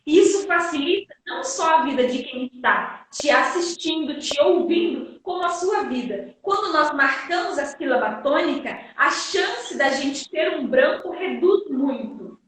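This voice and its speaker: A Brazilian woman teacher giving a lively live-stream lesson, emphatic and energetic, acting out her students' questions. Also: high voice, measured pace, hardly any pauses. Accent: Brazilian Portuguese. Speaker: guest teacher. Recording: echoey room, distant mic.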